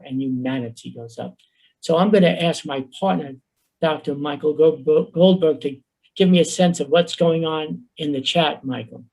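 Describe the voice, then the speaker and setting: A man with a Bronx accent giving an earnest, fast-paced webinar talk as a social worker over a video call. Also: a little high, vocal fry, darkish tone, rough recording. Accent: New York Bronx.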